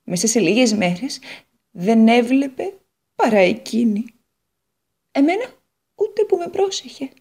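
A woman's voice: a little high, animated, long pauses, a little mellow, husky, pitched above the performer's own voice. A woman voicing a proud, wistful female guitar in a children's storybook read on the radio, sighing and bitter as she talks.

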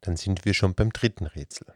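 A man reading a fairy tale aloud to children as storyteller and host, calm and unhurried. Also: deep voice, dry recording, studio quality. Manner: slow, calm, gravelly storytelling.

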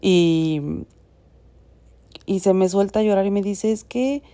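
Woman in her thirties, Mexican accent, dark mellow tone, casual frank storytelling with swearing. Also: medium pitch, steady tone, slow. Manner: frank, chatty, sprinkled with swearing. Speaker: podcast host.

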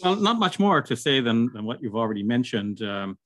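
A man's voice: mid-range voice, sing-song, brisk, a bit bright, no echo. An older man from Guyana speaking as an interview guest over a video call, hesitant and full of fillers. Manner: hesitant, many fillers and restarts. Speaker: guest, Islamic scholar.

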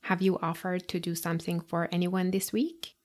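A woman teaching a scripted podcast lesson, addressing the listener directly with guiding questions and pauses. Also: lowish voice, little pitch movement. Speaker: English teacher and podcast host.

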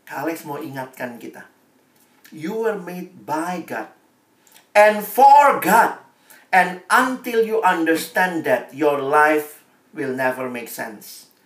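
A man giving a youth sermon, lively and acting out quoted voices, slipping into English phrases. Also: high-pitched, roomy sound, distant mic. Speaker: youth speaker.

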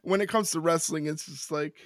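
High-voiced man ranting on a podcast. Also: brisk, a crowd in the background. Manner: ranting, repeats words, laughs often. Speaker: podcast co-host. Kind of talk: casual wrestling podcast chat.

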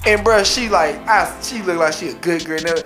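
A man holds forth on a podcast in a mid-range voice. He tells stories with big energy and swings his pitch up high when he quotes people. Faint music runs underneath. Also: brisk. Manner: animated storytelling, jumps high for quoted exclamations. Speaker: podcast co-host. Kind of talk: casual podcast chat.

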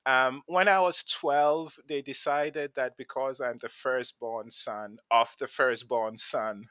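A middle-aged man from Ghana, a venture investor and podcast guest, telling his life story with thoughtful pauses and repeated words as he starts sentences. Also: mid-range voice, steady tone, a bit bright, no room sound. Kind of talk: conversational interview storytelling.

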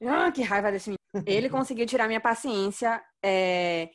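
A woman's voice: on the high side, normal speed. A woman from Bahia with a Northeastern Brazilian accent, a playful, blunt guest in a casual chat. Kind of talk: casual reality-show chat.

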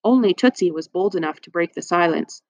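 A woman narrating a children's book in an even, measured storytelling manner. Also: on the low side, dry recording. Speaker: audiobook narrator. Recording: dry, slightly muffled.

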